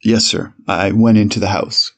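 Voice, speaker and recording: A man takes the role of an 1890s police officer giving testimony from the witness stand in a dramatized courtroom reading. He sounds formal, measured and a touch hesitant, in a level, lightly acted voice on the low side.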